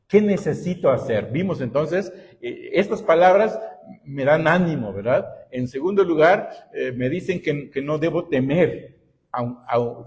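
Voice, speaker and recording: Un hombre que es pastor y predica un sermón en una iglesia, con un ritmo pausado y preguntando a menudo "¿verdad?". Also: male voice, medium pitch, a little mellow. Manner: slow and deliberate, often adding "¿verdad?". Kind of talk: sermon. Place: church.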